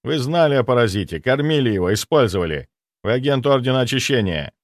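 A man's voice: medium pitch, expressive, dry recording, studio quality, close to an everyday voice. Man playing a cold sardonic necromancer. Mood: mocking. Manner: cold, mocking, measured.

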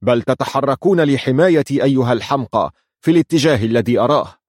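A man voicing an angry, tyrannical chess king who shouts his commands in a dry storybook reading. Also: mid-range voice, quick pace, dry recording, lightly acted. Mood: shouting.

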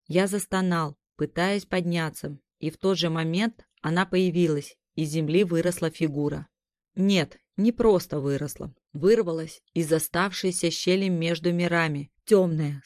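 A woman narrating a first-person fantasy audiobook in a steady, even reading. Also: low-pitched, dry recording, clean studio sound.

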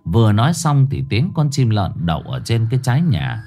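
A man narrating a ghost story in a dramatic, expressive way. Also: fairly low pitch, brisk. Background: soft background music.

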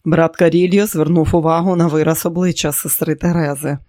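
A man narrates an audiobook with a measured, even delivery. His voice sits a little high. The recording is dry and close, with no room sound. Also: dry recording. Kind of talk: scripted narration.

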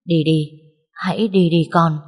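A woman voicing the ghost of an older father, softly urging his daughter in a storybook reading. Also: fairly low pitch, fairly even intonation, measured pace. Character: ghost of a dead father, older man, gentle and urgent. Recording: long hall reverb.

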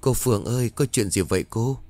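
A man's voice: mid-range voice, moderate pace, dry recording, close to an everyday voice. A man voicing a timid young woman servant who answers hesitantly and politely. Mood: meek. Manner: hesitant, deferential. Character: timid young woman maid, meek and obedient.

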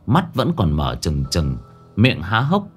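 Brief: male horror-story narrator, low and dramatic, wide lively pitch, faint music bed. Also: takes it slowly, breathy edge.

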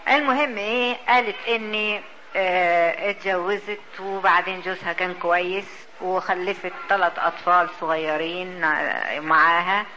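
An Egyptian woman telling a story to a gathering, halting and full of fillers, often laughing. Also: lowish voice, fairly even intonation, sharp tone, slight background noise, poor audio.

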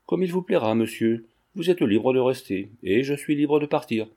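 A man's voice: mid-range voice, animated, normal speed, mellow, close to an everyday voice. A cool, dignified marquise, read by a man. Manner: cold and dignified.

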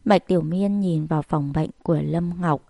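A woman narrating an audiobook story in a steady, even reading. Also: low voice, normal speed, creaky, dry recording, clean studio sound.

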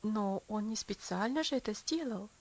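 A woman's voice: mid-range voice, expressive, moderate pace. A woman voicing a tender, concerned mother in an audiobook story. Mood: alarmed. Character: gentle worried mother. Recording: dull lo-fi audio.

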